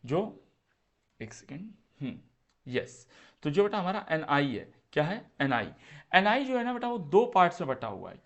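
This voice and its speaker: Animated teacher firing quiz-style questions. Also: male voice, a little high. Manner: asks students questions and answers them himself; repeats key terms, mixes English phrases. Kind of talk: exam-prep lecture.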